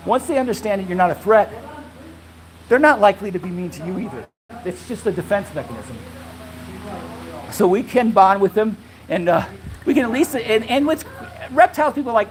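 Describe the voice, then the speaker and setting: Man, high voice, breathless, rambling livestream chat, phone mic, faint outdoor noise. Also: low-quality recording. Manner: rambling, repeats himself, restarts often. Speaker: alligator farm livestreamer. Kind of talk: casual live stream chat. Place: outdoors at an animal farm.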